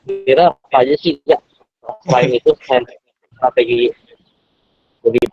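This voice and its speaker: A man's voice: mid-range voice, measured pace, husky, no room sound. Man on a breaking-up call line. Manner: hesitant, many fillers. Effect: connection breaking up, voice cutting in and out. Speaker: audience member asking a question. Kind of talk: casual online meeting. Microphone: video call. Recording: tinny dropout-prone call audio.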